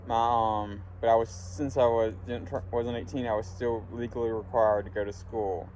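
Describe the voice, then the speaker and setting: A young vlogger from Alabama, in the United States, smokes a pipe while talking to viewers in a casual, halting, reflective ramble that often trails off. His voice is medium-pitched, steady, and darkish. Wind is clearly audible in the background.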